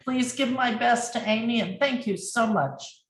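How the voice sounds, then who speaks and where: A woman's voice: a little high, unhurried, echoey room, poor audio. A woman hosting a webinar on a video call, thanking the speaker graciously. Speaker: association host.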